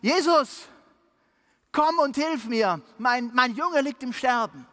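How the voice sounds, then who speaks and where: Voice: expressive, measured pace, in a large hall. A preacher acting out the voice of a desperate father begging for his dying son's life. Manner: pleading, high and loud.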